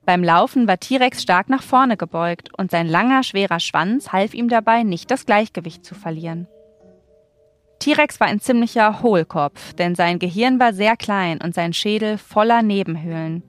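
A female kids show host with a medium-pitched voice speaks over soft music. She addresses children directly, explaining things in simple, scripted language with playful little exclamations. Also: normal speed. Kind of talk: kids show hosting, scripted narration and questions.

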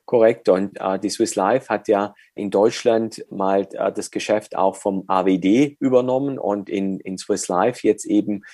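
A man explaining dividends and withholding tax as an interview guest, measured and with frequent hesitations. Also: on the low side, fairly even intonation, dark tone, no echo, studio quality.

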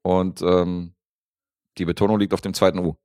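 A man co-hosting a podcast, reviewing a film in a relaxed, rambling way with lots of fillers. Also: sits low, moderate pace, no echo, studio quality. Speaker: podcast co-host reviewing films. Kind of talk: casual chat.

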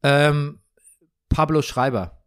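A man co-hosting a casual podcast chat about TV series, animated, breaking off and restarting, dropping in English phrases. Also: a little high, slow pace, clean tone, dry recording, studio quality. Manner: animated, self-interrupting, mixes in English phrases. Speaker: podcast co-host.

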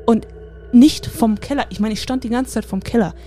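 A young woman casually telling a spooky personal story, lively and full of fillers and laughs. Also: fairly high pitch, brisk, faint music behind.

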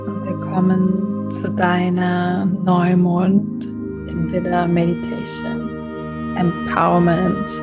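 A woman guiding a meditation in a soothing, measured, slow way with long pauses. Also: on the low side, monotone. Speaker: podcast host and meditation guide. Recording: music bed behind the voice. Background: music.

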